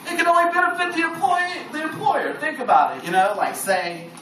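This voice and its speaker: A male stand-up comedian works a bar lounge with a high, bouncing voice, laughing along with his own jokes. He sounds distant, and the reverberant room is thick with crowd noise. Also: fairly quick. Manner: animated, laughs through his own lines. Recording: echoey room from far off, noisy crowd.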